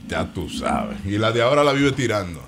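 Lively man hosting morning radio. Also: on the low side, fairly quick, gravelly, loud music behind the voice. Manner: laughs often, animated storytelling. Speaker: radio show host taking callers. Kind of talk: casual morning radio banter.

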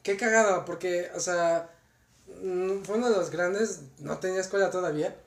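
A man's voice: high voice, normal speed. A young man with a Mexican accent telling rambling stories in slangy casual chat, laughing often. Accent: Mexican Spanish. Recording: roomy echo.

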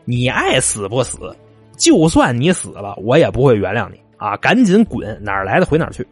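Bitter, unforgiving young woman in a spoken crime tale, a male storyteller quoting her in his own lively voice. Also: mid-range voice, moderate pace, breathy edge, no room sound, faint music behind. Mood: scornful.

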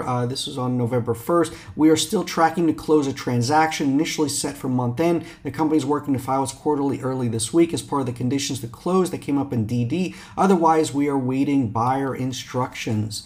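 A man hosting casual stock market commentary in brash, slangy trader talk, halting often with fillers and addressing viewers directly. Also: mid-range voice, a little mellow. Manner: halting, filler-heavy delivery. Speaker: stock market video host.

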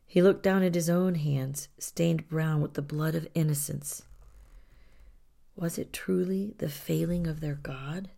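Brief: somber woman storyteller, deep and unhurried, soft and near-whispered. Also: vocal fry. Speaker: narrator. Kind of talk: scripted storybook narration.

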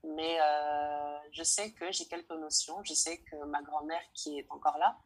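A young woman from French Guiana with a low, husky voice answers interview questions. She speaks hesitantly and often stops to find the right word. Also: flat delivery, a little slow, rough recording. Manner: hesitant, searching for words.

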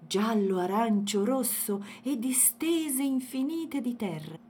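Woman narrator for a kids picture book, lively pitch, gentle. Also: takes it slowly, slight background noise. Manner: gentle, expressive. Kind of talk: children's storybook reading.

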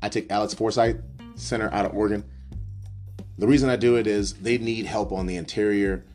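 Low-pitched guy just riffing on his own show, lots of um and restarts, bit of guitar music in the back. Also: fairly even intonation, brisk, darkish tone. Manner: rambling, self-correcting, frequent ums. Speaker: podcast host doing a mock draft. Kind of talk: casual solo analysis, off the cuff.

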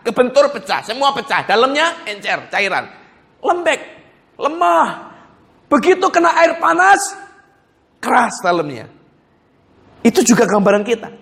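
A male pastor preaching a sermon in a lively, conversational storytelling manner, often chuckling as he talks. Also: very high voice.

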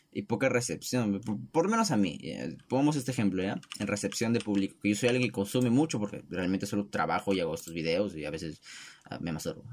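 A man's voice: on the low side, darkish tone, slight background noise. Chatty young man rambling on his podcast. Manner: chatty, self-deprecating, swears, frequent restarts; speaks from the throat. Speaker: podcast host. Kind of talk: casual rambling monologue.

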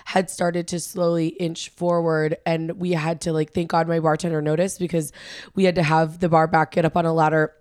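A woman podcast co-host chatting casually, her naturally raspy voice made hoarser from yelling. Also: low voice, little pitch movement, moderate pace, dry recording. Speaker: restaurant industry worker. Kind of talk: casual chat.

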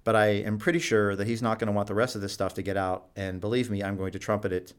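A man's voice: lowish voice, little pitch movement, fast talker, smooth. A man who works as a doctor at a jail HIV clinic tells anecdotes in a conversational interview, acting out the quoted dialogue with animation.

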